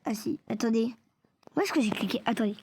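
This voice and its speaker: Stammering high-voiced young woman gamer. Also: brisk, a little mellow, slight background noise. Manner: stammering, apologetic, drops into whispers. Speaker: gaming video creator. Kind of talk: casual gameplay commentary.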